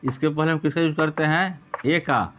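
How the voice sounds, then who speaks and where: A man lectures on English grammar with a voice pitched somewhat high for a man. He quizzes his class and answers his own questions, and he draws out key words slowly for emphasis. The recording is dull and lo-fi. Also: fairly even intonation, fairly bright tone, slight background noise. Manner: asks questions and answers them himself. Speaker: English teacher.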